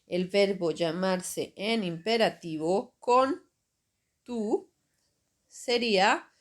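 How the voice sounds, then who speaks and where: A woman teaching a grammar lesson over slides, explaining patiently and checking in with "ok?" and "right?" after each step. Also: medium pitch. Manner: slow, patient explaining with frequent "¿ok?" and "¿cierto?" checks. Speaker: Spanish teacher.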